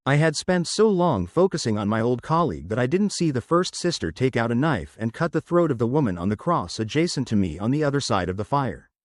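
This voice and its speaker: A man giving a scripted first-person horror narration in a steady storytelling read. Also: mid-range voice, brisk, hardly any pauses, dry recording.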